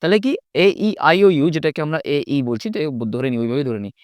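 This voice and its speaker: Clear-voiced man teaching a language lesson. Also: fairly high pitch, sing-song, no echo. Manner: repeats sounds slowly, checks understanding often. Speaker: English teacher.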